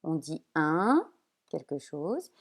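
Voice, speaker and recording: A woman teacher explaining spelling sounds at a whiteboard, slow and patient, checking often that her pupils follow. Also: deep voice, very animated. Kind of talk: remote classroom lesson at a whiteboard.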